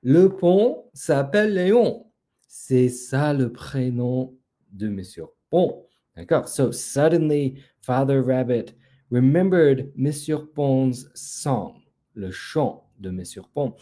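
A male teacher hosting a children's story time, patiently repeating words so young learners can follow. He speaks slowly with a warm, mellow tone. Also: mid-range voice, lively intonation. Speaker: language teacher.

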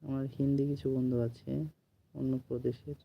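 Soft-spoken man with a gravelly voice. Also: mid-range voice, flat delivery, normal speed, highs cut off. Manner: speaks softly, pleading for comments. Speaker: live streamer. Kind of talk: late-night live stream chat. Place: home at night. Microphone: phone.

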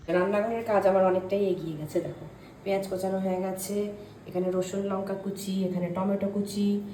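A woman's voice: mid-range voice, fairly even intonation, brisk, warm tone, slight background noise. Woman in an echoey kitchen. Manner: showing and naming prepared ingredients. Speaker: vlogger. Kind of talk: casual cooking vlog narration. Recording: echoey kitchen, mic farther off.

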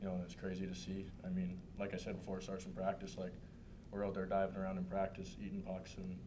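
A young hockey player chats through his answers in a casual, filler-heavy way. His voice is very low and even. A low background rumble sits under the table mic. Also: fast. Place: press room, seated at a table. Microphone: table microphone.

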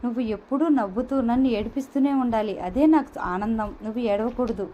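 A woman voicing a calm, patient young man in an audio novel, speaking gently and reasoning steadily. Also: a little high, fairly quick, muffled recording, a little hiss or hum, natural voice. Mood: gentle.

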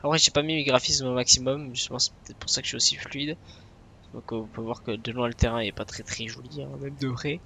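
A man's voice: medium pitch, fairly even intonation, fast talker, bright, forceful tone, a little hiss or hum. A man giving casual tutorial commentary as a flight simulator presenter.

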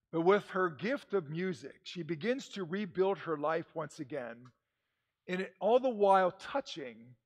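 An older man, a priest, speaking solemnly and with measured delivery to a church, his voice echoing like in a cathedral. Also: a little high. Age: older, 60s or 70s. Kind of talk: Gospel reading and homily. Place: large stone church, indoors. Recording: long echoing church reverb.

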